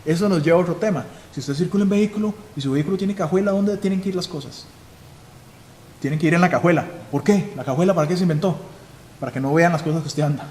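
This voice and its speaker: A man's voice: a little high, fast, darkish tone. Male Costa Rican police chief, instructive seminar speaker, roomy hall with faint background noise. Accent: Costa Rican Spanish. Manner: instructive, asks and answers his own questions. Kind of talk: live seminar lecture.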